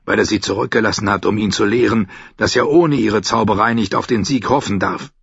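A man voicing a weary, loyal older sea captain, hoarse and grave, in a storybook reading. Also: fairly low pitch, fairly quick, no room sound, muffled recording, heavily acted. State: hoarse after coughing.

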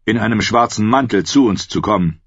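A man's voice: fairly low pitch, brisk, breathy edge, no room sound. A man doing a shrewd commanding king. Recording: slightly dull, dry recording.

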